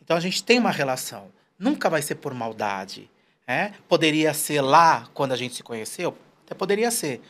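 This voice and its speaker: A man's voice: a little high, normal speed. A man in his forties, a guest in a casual interview, telling stories and quoting people in short put-on voices. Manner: animated, storytelling, quotes people in put-on voices.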